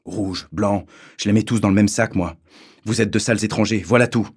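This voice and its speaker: A man's voice: on the low side, fairly even intonation, brisk, slightly rough. A man reading aloud and voicing a brutish older schoolboy who bullies and insults a foreign classmate. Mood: contemptuous. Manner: contemptuous and shouting.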